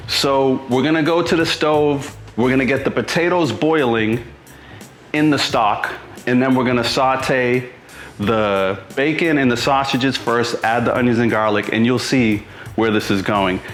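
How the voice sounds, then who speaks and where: Unhurried and mid-range, the voice belongs to a middle-aged Bostonian hosting a cooking show at home. He thinks aloud and keeps things informal during the casual demonstration, while music plays and the room adds echo.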